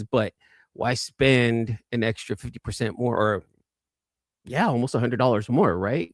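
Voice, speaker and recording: Reading out viewer comments on his casual live chat, this toy-collecting host talks in a rambling way and keeps repeating phrases. His voice sits low with a darkish tone, and the studio recording is clean with no room sound.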